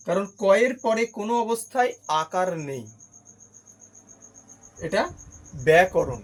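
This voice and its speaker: A man's voice: sits high, a little hiss or hum, rough recording. A man teaching a grammar lesson, who explains each step patiently, repeats key terms, and asks questions that he answers himself.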